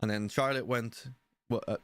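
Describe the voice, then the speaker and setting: A man's voice: mid-range voice, fairly even intonation, moderate pace, clear, resonant tone, dry recording. A young man telling a personal story in a casual, rambling way, often swearing and asking "you know what I mean". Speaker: stream participant.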